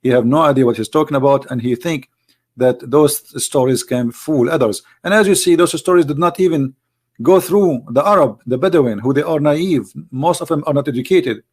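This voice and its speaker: A man with a slightly high, darkish voice and a breathy edge speaks at normal speed while hosting a religious video. He argues emphatically in non-native English phrasing, circling back to his points and throwing out rhetorical questions.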